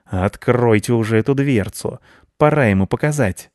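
A man voicing a big, predatory male cat who talks slowly and menacingly, for a storybook reading. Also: mid-range voice, a little mellow, dry recording, clean studio sound, natural voice. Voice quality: slow, menacing.

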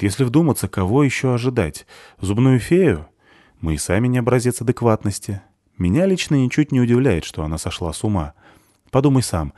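A man voicing a gruff, sardonic ex-soldier who talks rough and dry while looking after a boy. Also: on the low side, warm tone, dry recording. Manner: dry, mocking, rough-spoken. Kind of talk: audiobook character reading.

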